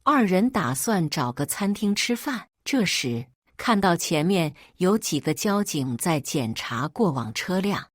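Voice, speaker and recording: Expressive woman narrating a story. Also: on the low side, dry recording, clean studio sound.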